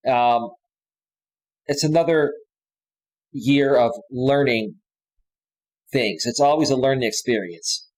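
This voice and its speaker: A man's voice: medium pitch, slow pace, pauses often, darkish tone, poor audio. A man in his forties hosting his own live stream, talking casually and rambling with frequent restarts. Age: 40s.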